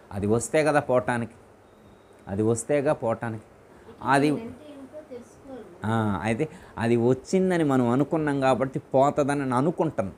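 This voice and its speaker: A man's voice: medium pitch, darkish tone, slight background noise. A man as spiritual teacher giving a discourse in a private home, repeating his phrases and putting questions to his listeners.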